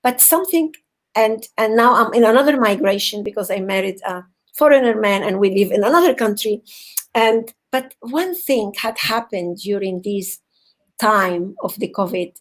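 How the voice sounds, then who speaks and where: Woman, psychotherapist, heartfelt motivational speech, earnest, halting, repeats words, video call. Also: mid-range voice, poor audio. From Venezuela. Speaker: psychotherapist, guest speaker.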